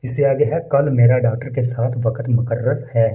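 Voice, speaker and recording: A man's voice: mid-range voice, fairly even intonation, mellow, rough recording. A man teaching a language lesson, saying each phrase and then explaining it word by word. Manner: says foreign phrases very slowly and deliberately.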